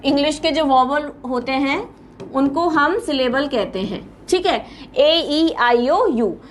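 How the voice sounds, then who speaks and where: A woman's voice: high voice, expressive, slow, a little hiss or hum. A woman with an Indian accent teaching an exam-prep English lesson, explaining step by step and checking in with her students.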